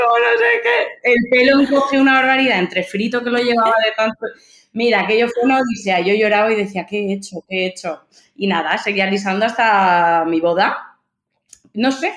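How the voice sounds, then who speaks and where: Woman, 30s, guest, casual chat, expressive storyteller, mid pitch, roomy echo. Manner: lively, expressive storytelling with acted-out quotes.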